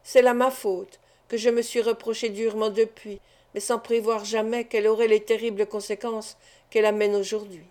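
A resolute, anguished wife, as a woman reader voices her, pouring out an earnest confession. The voice is fairly high and mellow, with a warm, soft tone. It is heard in a storybook reading of a classic novel. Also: flat delivery, normal speed, natural voice.

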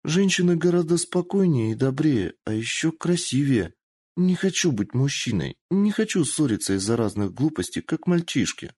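A man's voice: a little high, very animated, normal speed, a little mellow, breathy edge, pitched above the performer's own voice, heavily acted. A man voicing a naive, playful young female fox spirit in a squealing, childlike voice in an audiobook. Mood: innocent explaining. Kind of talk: audiobook character voice.

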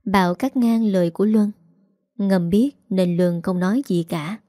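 A woman's voice: medium pitch, a little slow, no echo, studio quality. A woman narrating a serialized story aloud, reading every character in the same voice. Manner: reads all characters in one even voice.

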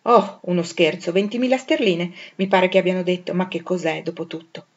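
A woman's voice: lowish voice, steady tone, fairly quick, close to an everyday voice. A woman voicing a stern, reserved young male pastor who talks coolly and evasively, with dry irony. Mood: dry, ironic. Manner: cool, evasive, dryly ironic. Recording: dull lo-fi recording.

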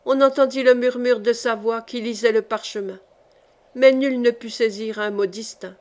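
A woman narrating a historical novel as an audiobook, in a measured, dramatic reading. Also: fairly high pitch, fairly even intonation, darkish tone.

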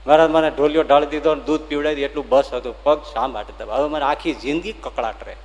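A man's voice: a little high, fairly even intonation, fast, natural voice. A man voicing a devotee who pleads and reproaches himself for his fault, told during a sermon. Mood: remorseful pleading. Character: remorseful devotee man begging forgiveness. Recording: long hall reverb.

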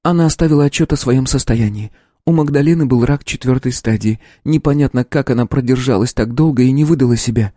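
A man voicing a young female lab scientist in an audiobook, earnest and measured as she explains. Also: mid-range voice, mellow, no room sound, studio quality, lightly acted. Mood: sorrowful.

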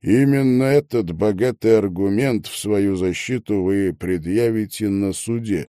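A man voicing a calm, polite and sardonic young male investigator in an audiobook. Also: fairly low pitch, unhurried, dry recording, clean studio sound, voice pushed down, close to an everyday voice. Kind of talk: audiobook character voice.

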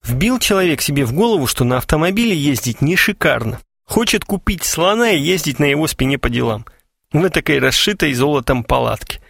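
A man's voice: on the high side, expressive, fairly quick, vocal fry, fairly bright tone, husky, no echo, studio quality, voice pushed up, heavily acted. A man voicing a cheerful, ironic young man who teases his friends, with a wry, mocking delivery. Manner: wry, teasing. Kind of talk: audiobook character voice.

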